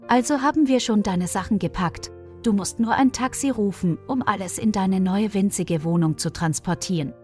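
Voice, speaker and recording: A woman's voice: medium pitch, moderate pace, darkish tone, lightly acted. A woman voicing a firm middle-aged mother who speaks matter-of-factly to her grown son, with faint music behind.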